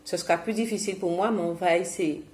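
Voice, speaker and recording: A woman's voice: fairly low pitch, fairly even intonation, fast talker, a little mellow. A woman from Guadeloupe leading a memory and movement exercise for seniors at home. She talks in a chatty, hesitant way, full of fillers and restarts, and films herself on a camera mic. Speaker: senior fitness and memory instructor. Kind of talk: instructional talk to seniors at home. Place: home, self-filmed.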